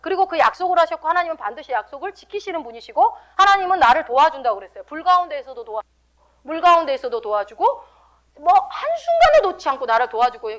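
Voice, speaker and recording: A woman pastor giving a lively, teasing sermon and acting out the voices of the people she describes. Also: high-pitched, fast. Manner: lively, teasing, acts out quoted speech.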